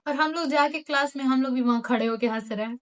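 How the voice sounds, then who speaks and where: High-voiced teen girl telling a school story. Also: fast. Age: late teens. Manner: animated, acts out teachers and friends in quoted lines; mixes English phrases into her talk. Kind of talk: casual storytime chat.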